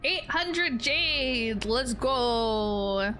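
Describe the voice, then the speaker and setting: A woman's voice: fairly high pitch, expressive, extremely slow, sharp tone. A woman streamer giving casual, rambling reaction commentary on a video game, jokey and informal. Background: game music.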